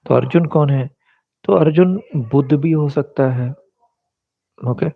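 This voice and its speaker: Male astrologer, husky and gravelly, casual explainer, dull dry recording. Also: a little high, measured pace, dry recording. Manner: explanatory, mixes English words into Hindi.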